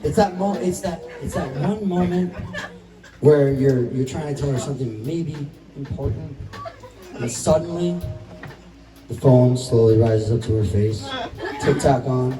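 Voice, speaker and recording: Male comic roasting a friend at a party; distant, echoey mic with music behind. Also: medium pitch. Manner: playful, drawn-out storytelling. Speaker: roast comedian. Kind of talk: stand-up roast set. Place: party room with a live audience. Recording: roomy sound from a distant mic.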